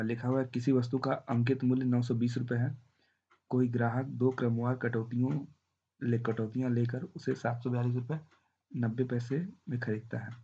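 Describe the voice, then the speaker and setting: Gravelly-voiced man teaching math, sore throat. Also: medium pitch, mellow, muffled recording. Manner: walks through arithmetic step by step, often saying "thik hai". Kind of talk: classroom math lesson.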